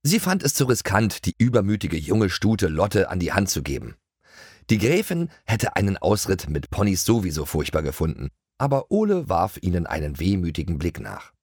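Male audiobook narrator for children; deep, husky, very lively delivery, dry studio. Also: moderate pace, no echo. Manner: lively storytelling. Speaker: audiobook reader.

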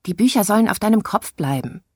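An eager young girl giving firm directions, as a woman reader acts her out. Her voice is raised and a bit breathy, recorded dry and close for a storybook. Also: medium pitch, fast, no echo, voice pushed up. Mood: coaching. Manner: coaching, insistent, animated.

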